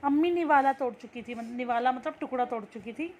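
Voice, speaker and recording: A woman's voice: high-pitched, fast talker, darkish tone, a little hiss or hum. A young woman teacher reading a textbook story aloud and explaining each line in simple words. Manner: reads a line, then restates it in simple words.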